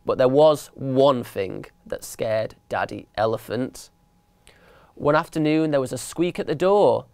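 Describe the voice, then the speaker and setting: A man reading a children's picture book aloud with an expressive, animated delivery. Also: medium pitch, a little slow, vocal fry, no room sound. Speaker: storyteller.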